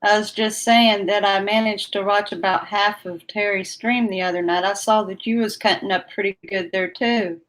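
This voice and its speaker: A woman's voice: mid-range voice, steady tone, normal speed, few pauses, fairly bright tone, poor audio. Woman chatting casually, R's and W's blurred. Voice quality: R and W sounds run together. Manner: folksy, friendly, responding to viewers by name. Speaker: livestream host chatting with viewers. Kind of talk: casual livestream chat.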